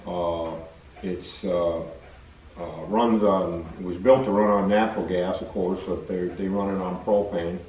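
Older male shop owner, low voice, hesitant, lots of uh's; roomy workshop, camera at a distance. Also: steady tone, darkish tone, lo-fi sound, slight background noise. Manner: halting, many uh fillers, easygoing. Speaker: machine shop owner and video host. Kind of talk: casual talk to camera. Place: large old machine shop, indoors. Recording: roomy shop sound, away from mic.

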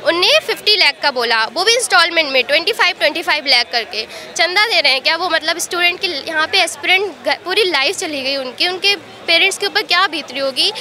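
A woman's voice: very high voice, expressive, fairly quick, few pauses, pushed and bright. A young woman from Uttar Pradesh, a student at a protest, talking earnestly in a street interview into a reporter's handheld mic outdoors. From Uttar Pradesh, India. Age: young adult. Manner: earnest, mixes English words into Hindi. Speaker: civil service exam student at a protest.

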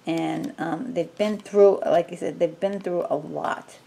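A woman reads tarot cards in a relaxed, unscripted way, her speech slow and unhurried. Her voice sits somewhat low, and she fills pauses with ums and restarts her sentences as she goes. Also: vocal fry. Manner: slow, rambling, many fillers and restarts. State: sneezing from allergies. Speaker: tarot reader. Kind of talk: casual tarot reading.

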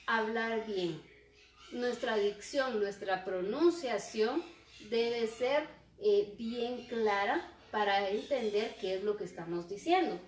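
A woman teacher giving a lesson, speaking slowly and checking in with rhetorical questions. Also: a little high, a little hiss or hum. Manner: slow, repeats examples and asks rhetorical checks. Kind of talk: recorded classroom lesson. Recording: echoey room.

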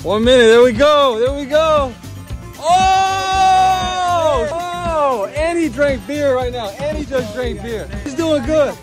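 A man hosting a street challenge outdoors, giving excited commentary full of exclamations and swearing. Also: extremely high pitch, takes it slowly. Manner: animated exclamations, profanity, frequent laughing. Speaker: challenge host filming strangers. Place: outdoors in public parks. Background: music.

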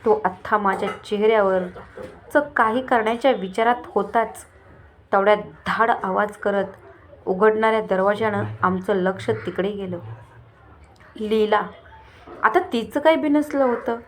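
A woman's voice: medium pitch, a little slow, slight background noise. Woman narrating a first-person story.

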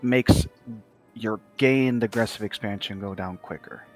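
A man's voice: lowish voice, unhurried, darkish tone, soft background music. A man chatting casually with other players during a multiplayer strategy game, thinking aloud and explaining the game's mechanics. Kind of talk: casual multiplayer gaming chat.

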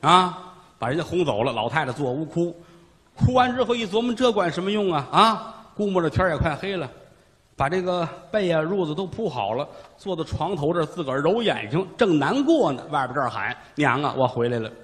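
A man's voice: on the high side, big pitch swings, a little fast, fairly bright tone, long reverb tail. A man performing a traditional solo comic story with vivid, rhythmic narration.

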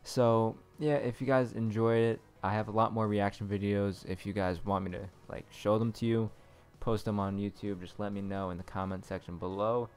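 A man's voice: on the low side, level tone, moderate pace, few pauses, darkish tone, soft background music. A man talking casually to viewers as a gaming video creator. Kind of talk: casual video intro talk.

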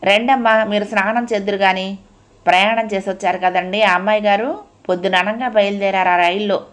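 A woman's voice: medium pitch, fairly even intonation, fairly quick, natural voice. A woman voicing a helpful young maid who speaks eagerly and respectfully. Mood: obliging.

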